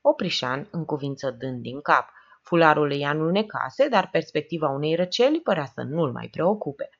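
A woman narrating an audiobook with a dramatic, expressive reading, in a dull lo-fi recording. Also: low voice, slightly rough. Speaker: audiobook reader.

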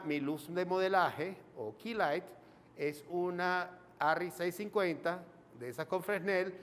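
A film teacher with a Venezuelan accent talks through a lesson in a chatty way, often asking and answering his own questions. His voice sits a little high for a man. The sound carries a long reverb, with a faint background hum underneath. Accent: Venezuelan Spanish. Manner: chatty, explanatory, asks himself questions. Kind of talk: informal video lesson. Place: home studio in front of a green screen.

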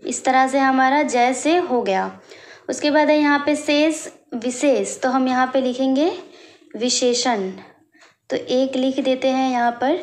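A woman teacher slowly working through a worksheet, explaining each answer step by step as she writes. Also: high-pitched, steady tone, roomy sound. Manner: slow, explaining step by step while writing. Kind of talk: worksheet walkthrough lesson.

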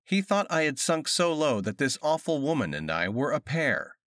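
A man narrating an audiobook with expressive storytelling, recorded close on a USB condenser mic in a sound-treated home studio. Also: a little high, normal speed, no echo.

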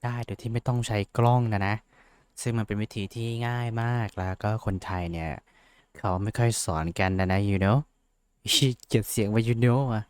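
Chatty young man, smooth and dry. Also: fairly low pitch, fairly even intonation, brisk, no echo. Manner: rambling, self-mocking, chatty with fillers. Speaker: VTuber tutorial host. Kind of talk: casual screen-share tutorial.

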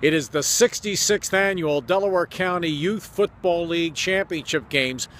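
Outdoors near a sports complex, an enthusiastic man in his fifties improvises a promo as announcer and interviewer, gushing effusively. His slightly bright voice is on the high side and moderately paced. The phone video, held at arm's length, picks up background noise.

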